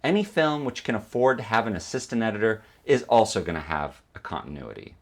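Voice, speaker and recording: A man's voice: fairly low pitch, sing-song, brisk. A man narrating an instructional video as a teacher, explaining step by step and posing questions that he then answers. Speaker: film editing instructor.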